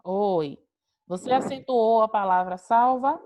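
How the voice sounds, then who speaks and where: A woman's voice: a little high, slow, a little mellow. A woman teacher giving an online class over a video call, explaining patiently, repeating points and calling on students by name.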